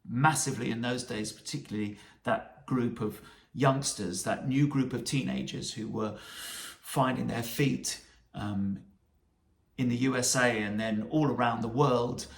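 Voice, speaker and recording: A man's voice: mid-range voice, vocal fry. Enthusiastic British man, roomy sound. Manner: enthusiastic, recites lyrics aloud. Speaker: host. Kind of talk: lyric commentary and reading. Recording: roomy echo.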